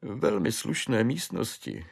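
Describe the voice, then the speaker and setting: A man's voice: medium pitch, very animated, gravelly, pitched above the performer's own voice, exaggerated voice. A desperate middle-aged clerk whines and pleads in a raised, strained voice that sounds pinched and unlike a plain speaking voice. He lurches between begging and self-pity, as a male narrator puts him on for a storybook reading. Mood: rambling confession. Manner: wailing, pleading, self-pitying.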